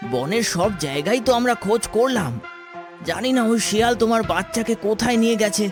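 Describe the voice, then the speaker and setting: A man's voice: high-pitched, quick pace, music in the background. A man voicing an eagle, a loyal friend who speaks in an urgent, earnest way. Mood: worried.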